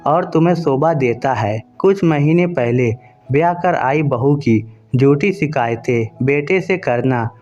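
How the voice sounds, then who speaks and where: A man's voice: a little high, unhurried, a little mellow, muffled recording, faint music behind, lightly acted. A man voicing a stern, fair-minded elderly father. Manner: stern, scolding.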